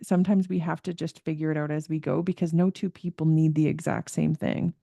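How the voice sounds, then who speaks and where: A woman's voice: low-pitched, little pitch movement, brisk, vocal fry, warm tone, no echo. A middle-aged woman hosting a podcast, chatty and laughing often in a casual interview. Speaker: podcast host, pelvic floor practitioner.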